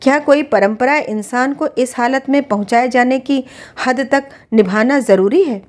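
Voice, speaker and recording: A woman reading the part of a calm husband who gently and earnestly argues against harsh customs in a narrated story. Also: extremely high pitch, a little slow.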